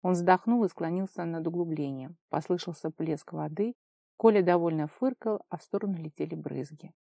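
A woman narrating a fantasy novel in a steady storytelling voice. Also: on the low side, normal speed, vocal fry, no room sound. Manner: steady storytelling, lively dialogue. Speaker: audiobook narrator. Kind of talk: scripted narration.

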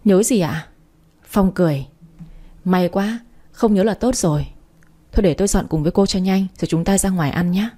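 A woman's voice: fairly low pitch, normal speed, long pauses, warm tone. A woman narrating a first-person story and reading every part herself.

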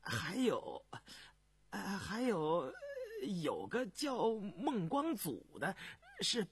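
A man voicing a fawning, nervous imperial grain official who grovels and stammers, with a husky voice. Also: a little high, huge pitch swings, takes it slowly, fairly bright tone, no echo, exaggerated voice. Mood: flustered. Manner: obsequious, stammering when flustered.

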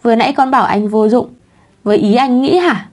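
Woman narrator doing a teasing young husband, mellow low-key read, no real voice change. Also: fairly quick, lightly acted. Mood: indignant.

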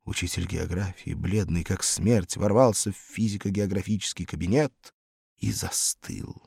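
A man's voice: sits low, normal speed, vocal fry, darkish tone, slightly rough, dry recording, studio quality. A man narrating a comic story in a theatrical reading.

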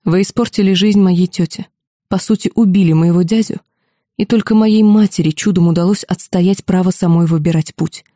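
Audiobook: a furious young woman standing her ground, a woman reading her, mellow tone. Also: on the low side, fairly even intonation, moderate pace, dry recording, studio quality, lightly acted. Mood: indignant. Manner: sharp, indignant. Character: angry proud young woman, newly initiated weaver.

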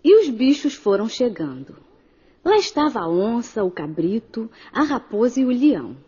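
A woman narrating a children's story in a scripted, expressive way, speaking directly to the young listener. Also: on the high side, moderate pace. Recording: dull lo-fi audio.

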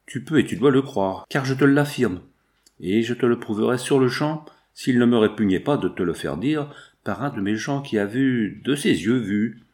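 A man reading as a stern noble father, firm and indignant, in a storybook. the voice sits at an ordinary middle pitch and lectures in long, measured sentences. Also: lively intonation, a little mellow, natural voice. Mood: grave. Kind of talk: audiobook character voice.

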